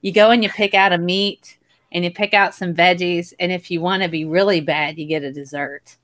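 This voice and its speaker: On a casual group video chat, a young woman appearing as a panel guest tells a personal story with animation, laughing a lot and swearing when she gets heated. Her voice is on the low side, with fairly even intonation and a moderate pace.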